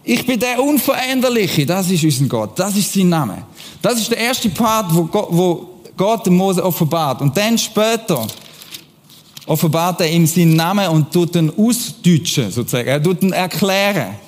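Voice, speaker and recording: A man preaches to a congregation, keeping a conversational tone and often putting questions to his listeners. His voice sits fairly high for a man. The sound rings with the long reverb of a church hall. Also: animated, normal speed. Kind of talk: sermon.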